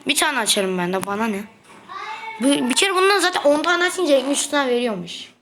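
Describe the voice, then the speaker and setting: Bright high-voiced woman gaming host. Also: fairly quick, slight background noise. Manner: excitable, trash-talking, playfully complaining. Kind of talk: casual mobile game commentary. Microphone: phone.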